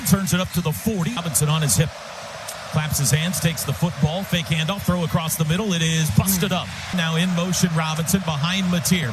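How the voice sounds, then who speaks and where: A man calls college football play-by-play on live radio, his voice sitting high as short, urgent, excitable phrases build into shouts. Background noise is audible.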